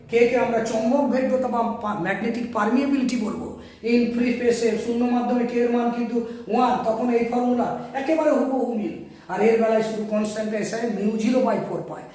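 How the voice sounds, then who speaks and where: A man's voice: very high-pitched, a little mellow. A male physics teacher, explaining a lesson step by step and speaking directly to his students. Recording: very echoey room.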